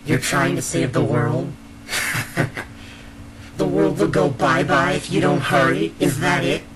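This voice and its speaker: A man voicing a deranged, bloodthirsty villain in a fan-dubbed game cutscene, theatrical and taunting, swinging between slow drawl and manic shouts. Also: medium pitch, very noisy, lightly acted. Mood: menacing, taunting. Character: deranged, bloodthirsty male villain who relishes fighting. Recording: loud game music behind the voice.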